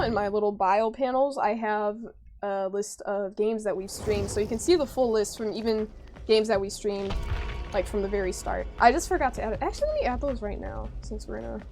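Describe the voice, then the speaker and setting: Chatty young American woman streamer. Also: fairly high pitch. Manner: chatty, animated retelling, frequent laughter. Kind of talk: casual chat with stream viewers.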